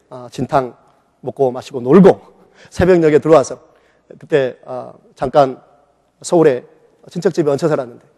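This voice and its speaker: A middle-aged man preaching a sermon as a pastor, telling his own testimony in an animated way and acting out the voices in it. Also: a little high. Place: church sanctuary. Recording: long reverb of a church hall.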